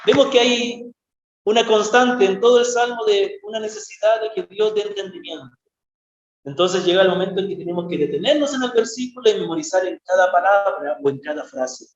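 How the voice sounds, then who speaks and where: A man's voice: high voice, fairly quick. A man preaching a sermon as a missionary, earnest and conversational, often asking rhetorical questions and repeating key phrases. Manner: conversational, asks the congregation frequent rhetorical questions. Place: church. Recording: echoey, dull lo-fi church recording.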